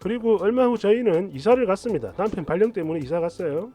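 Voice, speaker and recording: A male storyteller recounts a tale in a chatty first-person style. His voice sits fairly high and moves a lot in pitch. Soft music plays quietly behind him. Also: expressive, quick pace. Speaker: story narrator. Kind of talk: storytelling narration. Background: soft background music.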